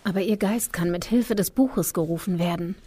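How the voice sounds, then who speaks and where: Calm young witch guide, a woman voicing her. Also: on the low side, normal speed, lightly acted. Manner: calm, instructive, ominous. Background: film score.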